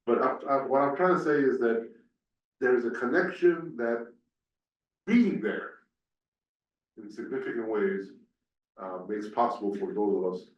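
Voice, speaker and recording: A man's voice: mid-range voice, a little slow, long pauses. Older man speaking in a roomy hall. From New York. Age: 60s. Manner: reflective, hesitant, with many fillers. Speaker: panelist, teacher. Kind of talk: panel discussion. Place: panel event in a hall. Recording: roomy, distant and dull.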